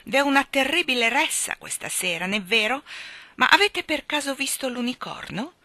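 A woman voicing a gentle, courteous crowned lion. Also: high-pitched, lively intonation, normal speed, no echo, voice pushed up, full character voice. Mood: polite.

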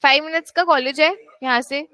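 A woman's voice: high-pitched, steady tone, a little fast, pushed and bright, dry recording. A woman tutor giving a classroom lecture, mixing Hindi and English, with firm asides to her students. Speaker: actuarial exam tutor.

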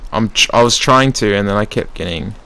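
A man's voice: on the low side, a little fast, bright, forceful tone, clean tone. A man hosting a gaming video, bantering casually over voice chat and swearing now and then. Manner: laid-back, swears casually. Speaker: gaming channel host. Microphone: desktop microphone for voice chat.

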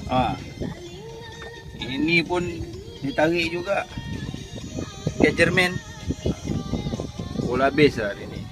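Guy on a little boat filming his fish haul on his phone, excited and chatty, voice jumping all over, music going behind. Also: a little high, takes it slowly, long pauses, poor audio. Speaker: angler filming his fishing trip. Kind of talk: casual running commentary. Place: small open boat at sea, outdoors.

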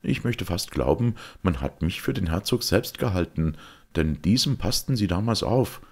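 A man's voice: sits low, expressive, normal speed, voice pushed up. A man voicing an eager, courteous young knight in an audiobook, speaking in a raised, earnest tone. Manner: raised, ringing, earnest delivery. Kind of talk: audiobook character voice.

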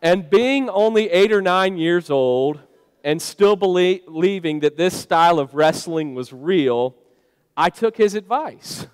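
A man's voice: high-pitched, lively intonation, measured pace, smooth. A man preaching a sermon in a conversational, storytelling way, with frequent fillers. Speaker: pastor. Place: church sanctuary. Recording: long church reverb.

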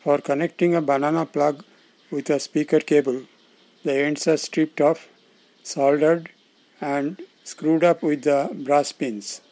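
This recording is rough, with soft music behind a male presenter who reads tutorial instructions from a script. His somewhat high voice has a steady, darkish tone, and he explains clearly in short, deliberate phrases.

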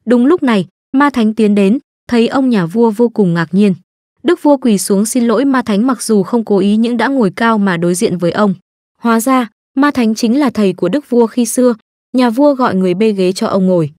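A woman narrating an anime story recap from a script, brisk and lightly joking. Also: fairly high pitch, a little mellow, no echo, studio quality.

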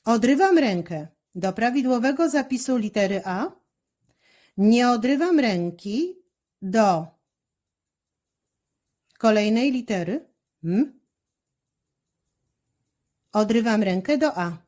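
A woman teacher talking through a handwriting lesson step by step, in a slow, careful, instructive way. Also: a little high, lively intonation, darkish tone.

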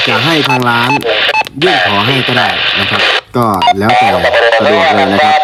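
A man giving a polite, informal product presentation as a shop presenter, explaining and repeating his points. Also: mid-range voice. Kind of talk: informal product review to camera. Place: indoor room used for recording videos. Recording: clear background noise in room.

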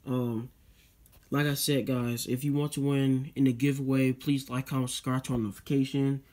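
This teenage YouTube host talks loosely at his desk in a casual unboxing vlog, leaning on "um" and "guys" and repeating the same requests again and again. His ordinary mid-pitched voice is a little mellow, with a level tone at normal speed.

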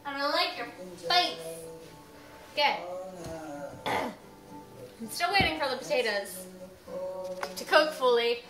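A woman's voice: sits high, animated, slow pace, long pauses, over music. A young woman chatting casually to camera as she cooks, tipsy, goofy and rambling, in a roomy kitchen. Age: young adult. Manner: tipsy, loose and goofy, rambling, breaking into song. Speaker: cooking vlogger. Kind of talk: casual chat to camera while cooking. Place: home kitchen. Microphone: camera on the counter, about arm's length or further.

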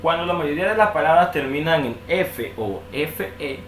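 A man's voice: on the high side, animated, normal speed, a little hiss or hum. A man teaching an online language lesson, patiently walking through rules and checking in often with a questioning "ok". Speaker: English teacher.

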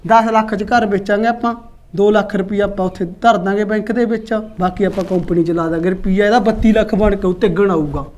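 A woman with an Indian Punjabi accent playing a boastful, scheming middle-aged village husband who bickers with rapid comebacks. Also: mid-range voice, darkish tone, natural voice. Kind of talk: comedy skit acting.

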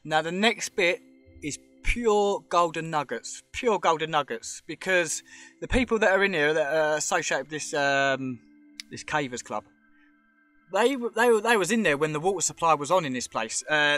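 Animated and on the high side, the man's voice is bright and forceful at a moderate pace, with faint music behind. He's vlogging a show cave with a handheld camera, giving rambling, chatty, speculative commentary as he points things out.

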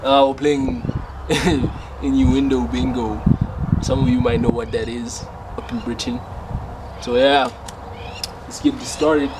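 A man's voice: medium pitch, fairly even intonation, slow pace, pauses often, heavy background noise. A young man chatting casually as a vlogger, often breaking into stifled giggles as he talks. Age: young adult. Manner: giggly, laughing through speech. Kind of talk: casual chat to camera.

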